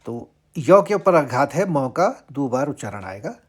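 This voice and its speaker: Slow, deliberate man teaching verse recitation. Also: big pitch swings, husky. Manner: chants verses slowly and higher, explains word by word. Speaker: Gita teacher. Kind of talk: slow Sanskrit recitation lesson.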